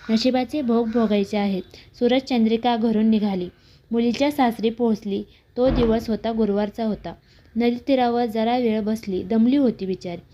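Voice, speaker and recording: A woman reading a devotional story aloud, with small slips and restarts, raising her pitch for quoted characters. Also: dark tone, slight background noise.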